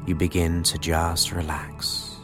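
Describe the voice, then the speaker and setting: Deep voiced guy doing slow guided hypnosis relaxation, soothing w long pauses, new age music under it. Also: level tone. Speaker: guided meditation leader.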